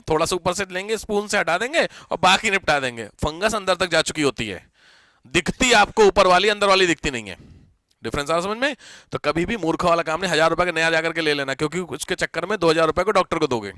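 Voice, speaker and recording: Chatty, bright-voiced male teacher. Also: sits high, expressive, fast, no echo. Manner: chatty, teasing students, mixing English terms. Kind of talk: online class lecture.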